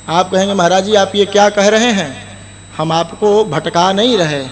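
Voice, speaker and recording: High-voiced Hindi katha preacher. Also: male voice, a bit bright. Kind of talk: devotional sermon with scripture recitation.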